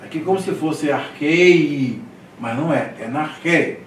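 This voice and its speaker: A man's voice: a little high, expressive, quick pace, darkish tone, a little hiss or hum. A man teaching a classroom Greek lesson, drilling words one by one and checking in with his students. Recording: echoey room, mic at a distance.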